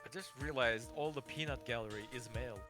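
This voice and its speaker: A man's voice: medium pitch, fast talker, pushed and bright, soft background music. A man making dry, teasing remarks while playing a video game. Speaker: player reading game dialogue. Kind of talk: casual let's play.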